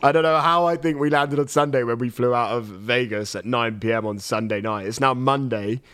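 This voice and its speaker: A man's voice: mid-range voice, fairly quick, a bit bright, clean tone. A man hosting a podcast in a casual, chatty style. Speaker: podcast host. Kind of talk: casual chat.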